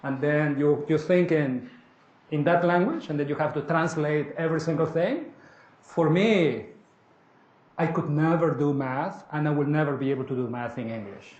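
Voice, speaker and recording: A man's voice: fairly high pitch, normal speed, muffled recording. A man from Peru with a Peruvian Spanish accent, leading an interactive writing seminar and often asking the room "correct?". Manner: animated, asks the room, often tags "correct?". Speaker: workshop leader. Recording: echoey room, faint noise.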